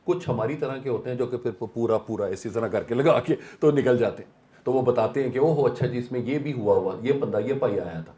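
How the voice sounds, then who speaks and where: At a seminar in an echoey hall, a man with a mellow, medium-pitched voice gives a motivational talk. He slips English phrases into his Urdu and poses rhetorical questions to the audience.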